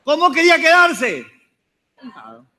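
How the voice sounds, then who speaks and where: A man's voice: extremely high pitch, sing-song, a little slow, a little hiss or hum. A man preaching a sermon to his congregation as apostle, fervent, joking at times and calling on listeners to repeat his phrases. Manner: jokes and rises to shouts at times.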